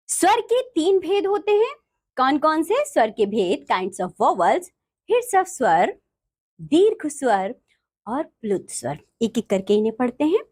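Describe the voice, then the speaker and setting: A woman teaching a grammar lesson to children, slowly spelling out letters and speaking to them directly. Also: high-pitched. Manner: slow, deliberate spelling-out of letters.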